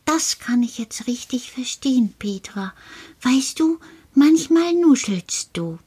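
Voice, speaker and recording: A woman's voice: high voice, animated, warm tone, husky, heavily acted. Karl, a woman voicing a small cave-dwelling creature. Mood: patient coaching. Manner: slow, patient, often drops to a whisper. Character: cheerful little male cave-dwelling earth creature.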